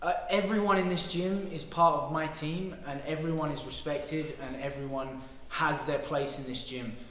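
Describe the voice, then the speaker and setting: A man's voice: a little high, fairly even intonation, moderate pace, a bit bright, a little hiss or hum. A man who owns a Muay Thai gym and fights pro, talking earnestly and proudly about his team, often trailing off at phrase ends. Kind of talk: interview answers. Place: martial arts gym. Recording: echoey hall.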